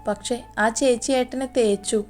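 A woman's voice: a little high, steady tone, a little slow, darkish tone, soft background music, lightly acted. A woman voicing a cheeky younger sister who teases her brother in mocking banter. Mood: teasing.

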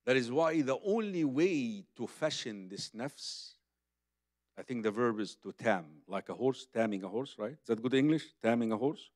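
The speaker is an older Egyptian Islamic preacher, Arabic his first language, lecturing at a conference from a table on stage with a microphone on a boom stand. His medium-pitched, darkish voice is animated and moves at normal speed, recorded with studio quality and no room sound. Emphatic and conversational, he repeats phrases and speaks straight to his listeners.

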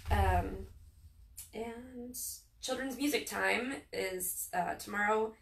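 Chatty woman reading event listings, a bit hoarse. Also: mid-range voice, slow pace. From Northern Virginia. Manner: chatty, many ums, loses her place. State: losing her voice. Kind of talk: casual live-stream chat. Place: local speed shop, indoors. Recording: echoey room, far from mic, faint noise.

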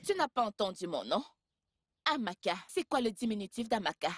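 A woman's voice: medium pitch, big pitch swings, brisk, no echo, clean studio sound. An actress playing a boastful, teasing young woman in a dubbed film. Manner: teasing, show-off. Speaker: Amaka, young fiancée.

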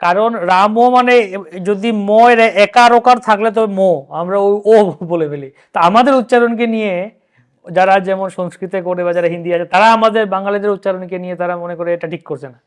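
A man with a Bengali accent hosting a devotional discussion, explaining in a lively storytelling way. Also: sits high, fast, clear, resonant tone. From India. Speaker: host.

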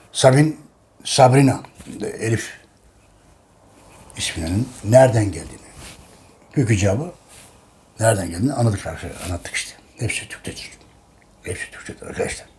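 Emphatic lower-voiced man lecturing. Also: darkish tone, a little hiss or hum. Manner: repetitive, keeps addressing listeners as friends; emphatic, preaching tone. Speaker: history channel host. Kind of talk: casual monologue.

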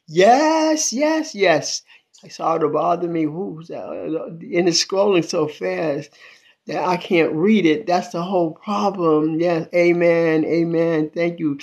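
A woman's voice: on the low side, slow, darkish tone. An 82-year-old woman chatting on a phone livestream from a small room at home, calling out praise and thanks to God between greetings to viewers. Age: 80s. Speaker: livestream host. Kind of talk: casual livestream chat. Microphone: phone at arm's length.

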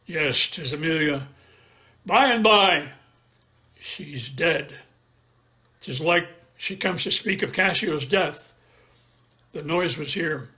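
Brief: a man reading a tormented jealous general, slow and heavy in the verse, voice sitting fairly high. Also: fairly bright tone, full character voice. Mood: anguished. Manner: slow, weighty verse delivery. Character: jealous tormented male general, middle-aged. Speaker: reader in an online play reading. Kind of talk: dramatic Shakespeare reading. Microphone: video call.

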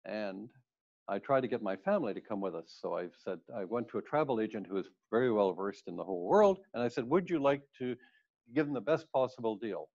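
A man's voice: fairly low pitch, expressive, fairly quick, vocal fry, a little mellow. An older man, a cruise ship speaker, giving a conversational slide presentation with rambling restarts. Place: indoors in front of a plain wall. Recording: dull lo-fi sound.

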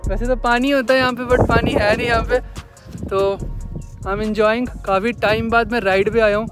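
High-voiced Indian motovlogger outdoors. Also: male voice, level tone, normal speed, music in the background. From Himachal Pradesh, India. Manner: chatty, mixes English into Hindi, says "guys" a lot. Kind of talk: casual Hinglish motovlog. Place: outdoors on a windy hillside road. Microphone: action camera mic.

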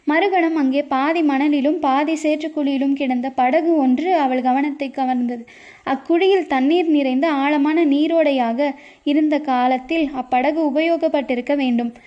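A woman reading a historical novel aloud as an audiobook narrator, in a dramatic, expressive storybook style. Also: high voice, measured pace. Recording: dull lo-fi recording.

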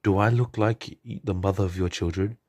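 A man voicing an unimpressed princess in his own low, husky voice, speaking dryly and dismissively. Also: steady tone, fairly quick, mellow. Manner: dry, dismissive. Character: unimpressed female princess Peach.

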